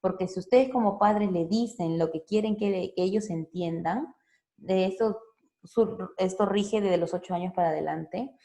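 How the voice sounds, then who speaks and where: Speaking warmly in a mid-range voice at a normal speed, a woman psychologist leads a relaxed talk for parents. She lays out her points step by step and often checks in with tag questions in a conversational way.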